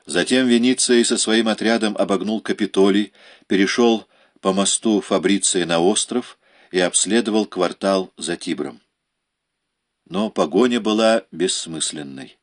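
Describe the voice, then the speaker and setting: A man reading a historical novel aloud as an audiobook narrator, measured and dramatic. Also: on the low side. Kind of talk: scripted narration.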